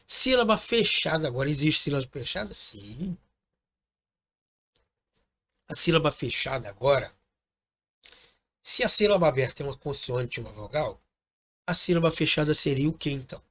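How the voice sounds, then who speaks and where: A man's voice: a little high, expressive, a little fast, pushed and bright. A man teaching a recorded lesson, patiently explaining step by step and often checking in with his listeners. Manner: patient, repeats points, ends phrases with "tá bom?".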